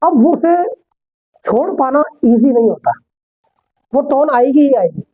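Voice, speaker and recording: A man's voice: very high-pitched, very animated, a little slow. A man teaching an English class, explaining step by step and answering his own rhetorical questions. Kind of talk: classroom lecture. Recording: tinny phone-like sound.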